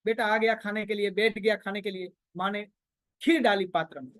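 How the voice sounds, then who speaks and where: A man with a notably high voice leads a motivational seminar, telling a story and stopping to put repeated questions to his listeners. His delivery swings between loud bursts and quiet stretches. The recording is dry, with almost no room echo. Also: fairly even intonation, moderate pace. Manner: quizzes the audience with repeated questions. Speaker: motivational trainer.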